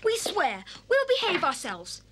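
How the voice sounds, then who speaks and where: A woman's voice: very high-pitched, huge pitch swings, unhurried, noisy background, heavily acted. A woman voicing a cheeky, rude young boy prankster in a cartoon who mocks everyone. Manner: mocking, boisterous.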